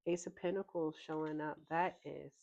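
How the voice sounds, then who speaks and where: Low-voiced woman reading tarot casually. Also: fairly even intonation, vocal fry, darkish tone. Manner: thinking aloud, lots of ums, unhurried. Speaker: tarot reader. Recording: slightly dull lo-fi recording.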